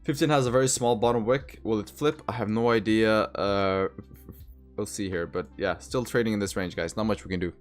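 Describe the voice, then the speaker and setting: Reading viewer comments on his trading livestream, a young man raised in Sweden with Eastern European roots chats in an American accent he picked up. His voice is on the low side and a little fast, slangy and repetitive, over faint background music.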